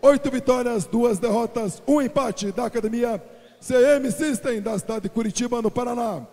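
A man with a Brazilian accent giving a booming, formal stage introduction as a fight announcer, drawing out shouted names. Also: normal speed. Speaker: cage-side ring announcer. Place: fight cage in a large venue. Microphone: handheld microphone. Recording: echoey PA in a hall.

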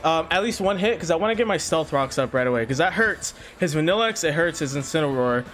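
A man's voice: on the high side, expressive, quick pace, fairly bright tone, faint music behind. A young man hosting his gaming channel, talking casually and a little scattered over his match, slightly out of breath. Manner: chatty and scattered, many fillers. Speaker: YouTube gaming channel host. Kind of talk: casual gameplay commentary.

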